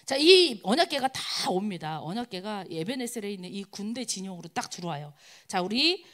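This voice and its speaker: Animated woman preaching a sermon. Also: mid-range voice, a little fast. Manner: keeps asking the listeners rhetorical questions; animated, acts out quoted crowds. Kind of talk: sermon to college students.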